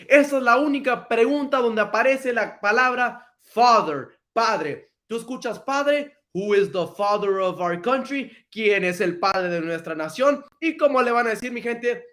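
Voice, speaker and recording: High-voiced lively man teaching a class. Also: normal speed, few pauses. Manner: lively and chatty, repeats words for learners. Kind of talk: energetic online lesson.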